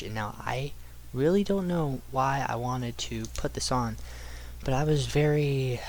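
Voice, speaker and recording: A man's voice: medium pitch, a little hiss or hum. A young man telling a casual personal story in a rambling, slangy way with some swearing.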